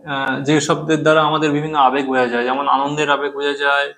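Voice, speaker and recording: Man, native Bengali speaker, grammar teacher, slightly raised pitch, repeats key terms, asks if students follow. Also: little pitch movement, racing, bright, forceful tone, a little hiss or hum. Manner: patient, repeats key terms, checks in with "thik ache?".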